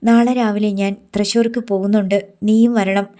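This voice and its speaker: A woman voicing a scheming, determined young village man who talks in a low, firm, matter-of-fact way. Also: level tone, moderate pace, dark tone, lightly acted.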